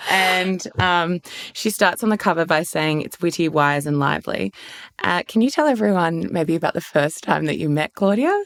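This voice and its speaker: A woman's voice: on the low side, expressive, moderate pace, creaky, dry recording, studio quality. A woman hosting a podcast interview, chatty and encouraging, who swears casually. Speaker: podcast host.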